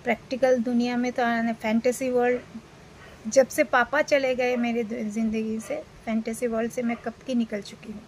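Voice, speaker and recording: Slightly high-voiced woman in her forties. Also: flat delivery, moderate pace, a little hiss or hum, low-quality recording. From India. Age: 40s. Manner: rambling, with many fillers and restarts. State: unwell. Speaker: vlogger. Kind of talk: casual talk to camera.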